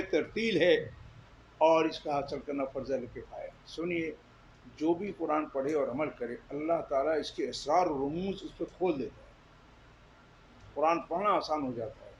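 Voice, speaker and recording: A man's voice: on the high side, slight background noise, rough recording. A man preaching a sermon, emphatic and questioning his listeners directly. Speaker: Islamic preacher. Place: Jeddah.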